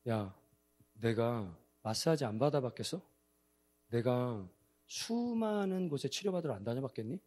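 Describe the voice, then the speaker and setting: A man's voice: medium pitch, expressive, unhurried, a little mellow. A man voicing a proud royal man who questions him bluntly and informally. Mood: haughty.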